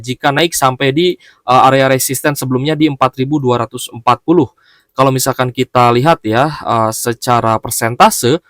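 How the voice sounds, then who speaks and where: A man giving stock market analysis in a steady explanatory way, often stopping on fillers and short pauses. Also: mid-range voice, dry recording, studio quality.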